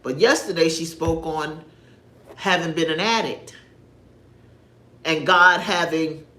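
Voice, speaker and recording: A woman, talking casually about faith on a livestream, animated and emphatic like a storyteller. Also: deep voice, slow pace, roomy sound. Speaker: livestream host. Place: home livestream in an echoey room.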